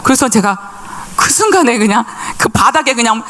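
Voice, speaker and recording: Woman, middle-aged, church testimony, lively swooping pitch, emotional storytelling. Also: normal speed. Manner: emotional storytelling, acts out voices in quotes. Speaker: pastor's wife giving testimony.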